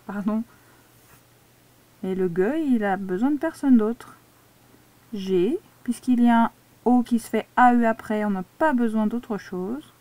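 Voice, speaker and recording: A woman's voice: a little high, dark tone, no room sound. A woman teacher giving a dictation lesson to a child, patiently spelling words out syllable by syllable. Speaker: primary school teacher.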